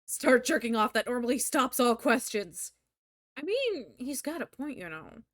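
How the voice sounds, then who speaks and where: High-voiced, foul-mouthed streamer woman. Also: big pitch swings, unhurried, fairly bright tone, dry recording, studio quality. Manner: crude, joking asides mixed with narration. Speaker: VTuber streamer. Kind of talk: live-streamed visual novel reading with commentary.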